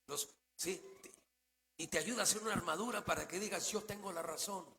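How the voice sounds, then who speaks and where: A man preaching a sermon as pastor, asking rhetorical questions and answering them himself, shifting between quiet asides and loud declarations. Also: sits high, a little fast, creaky, big-room sound, a little hiss or hum. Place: church sanctuary.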